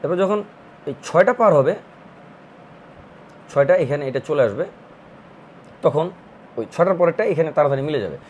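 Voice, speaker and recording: A man's voice: a little high, expressive, moderate pace, long pauses, a little mellow, highs cut off, slight background noise. A man teaching a recorded math lesson, explaining step by step and repeating counts in rhythmic lists. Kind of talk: online admission-prep math lesson.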